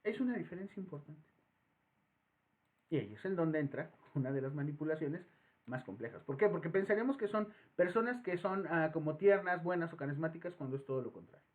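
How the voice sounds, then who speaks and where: A man with a Mexican accent giving a psychology lecture as the professor, animated and acting out voices in his examples. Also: a little high, brisk. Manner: animated, acts out voices in anecdotes. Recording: tinny phone-like audio.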